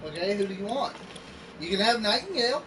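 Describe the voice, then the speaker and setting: A man's voice: sits high, fast talker. A man hosting a casual gaming chat, joking and teasing his friends. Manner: joking, animated, swears freely. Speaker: host. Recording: distant mic with background noise.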